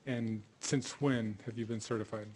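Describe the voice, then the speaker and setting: A man's voice: fairly low pitch, fairly even intonation, normal speed, darkish tone, rough recording. A man working as an attorney, questioning a witness with frequent hesitations and fillers, heard in a courtroom recording. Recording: courtroom recording with faint background noise.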